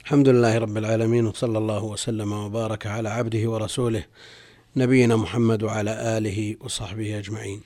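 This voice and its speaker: A man's voice: lowish voice, flat delivery, fast, dark tone. A middle-aged man speaking as a religious scholar, reading and explaining commentary in mostly formal Arabic with colloquial asides, repeating key phrases. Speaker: religious scholar, guest on the program.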